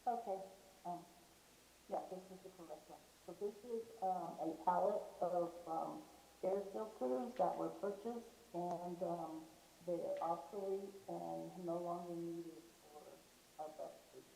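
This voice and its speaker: A woman's voice: on the low side, unhurried, gravelly, warm tone, slight background noise. Muffled woman, like through a wall. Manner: hesitant, with many fillers. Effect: muffled, as if heard through a wall. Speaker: staff member presenting at a board meeting. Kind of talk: remote meeting presentation. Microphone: computer mic, too far or covered. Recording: muffled, echoey remote call audio from far off.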